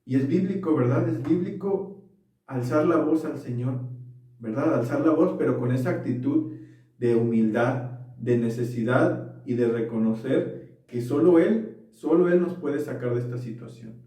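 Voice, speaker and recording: This sermon comes from a pastor with a dark, medium-pitched voice who speaks a bit slowly, earnestly checking in with his listeners and regularly asking for agreement. A distant mic captures him in an echoing room.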